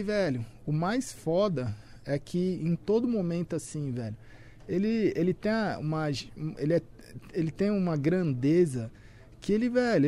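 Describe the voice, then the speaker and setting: A young adult man, a content creator, chats casually as a podcast guest in a loose, filler-heavy way. His voice sits on the high side and sounds mellow.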